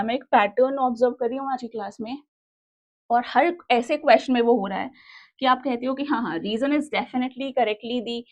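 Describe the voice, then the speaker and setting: Her voice is on the high side and a little mellow as this young Indian teacher leads an online exam-prep class on literature. She moves back and forth between Hindi and English, slowly reading the questions aloud.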